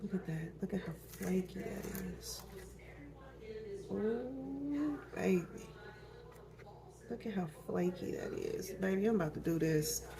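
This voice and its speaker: A woman's voice: on the low side, steady tone, normal speed, creaky, a crowd in the background. A woman chatting casually in her home cooking vlog, talking straight to her viewers and tasting as she goes. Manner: chatty, addresses viewers as y'all, tastes food on camera.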